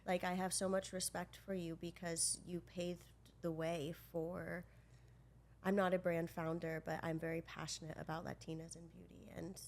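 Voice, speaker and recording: A woman's voice: fairly low pitch, flat delivery, normal speed, a little hiss or hum. A woman in her thirties co-hosting a chat, talking in a gushing, enthusiastic way, full of "like". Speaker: podcast co-host. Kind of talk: casual interview chat.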